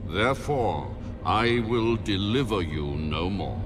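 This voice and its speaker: Man as slow, low, stern voice of God. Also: lively intonation, background noise. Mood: stern, reproachful. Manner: measured, solemn, declamatory. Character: God, stern, reproachful, commanding male deity. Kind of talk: dramatized audio Bible. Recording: music under the voice.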